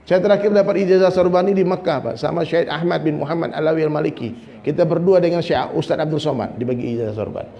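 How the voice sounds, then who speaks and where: A man's voice: on the high side, fast talker, gravelly, hardly any pauses, lo-fi sound. Preacher man, echoing hall. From Minangkabau, West Sumatra. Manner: conversational preaching, keeps addressing listeners as "Pak", jokes and mimics people. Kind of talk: dawn sermon. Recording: faint noise, long hall reverb.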